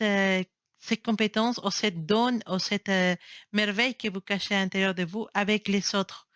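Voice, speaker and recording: Speaking into a camera's built-in microphone, a tarot reader delivers her reading in a casual, warm, encouraging way. Her mid-range voice is a bit bright, and the sound is studio quality without echo. Not a native French speaker, she frequently stops to search for words and begins phrases again.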